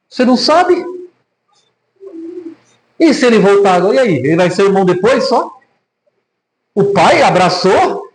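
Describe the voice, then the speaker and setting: A man with a Brazilian Portuguese accent preaching a sermon, telling a story animatedly with many rhetorical questions, in a church hall. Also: high-pitched. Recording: echoey room.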